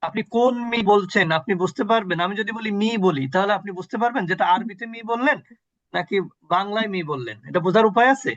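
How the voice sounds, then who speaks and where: A man's voice: high-pitched, lively intonation, quick pace, a bit bright, no echo, lo-fi sound. A man teaching an online Quran recitation class on a video call, patiently quizzing his students and repeating sounds for them.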